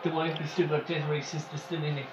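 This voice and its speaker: A man making quick, mumbled asides while friends play a game, heard distantly in a roomy space with game crowd noise. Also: on the high side, level tone, dull audio. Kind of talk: casual chat.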